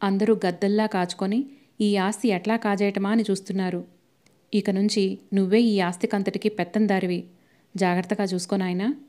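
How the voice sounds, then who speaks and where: A woman voicing an elderly, kindly male family lawyer who gives slow, measured, fatherly advice in a storybook reading. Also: medium pitch, level tone, warm tone, lightly acted.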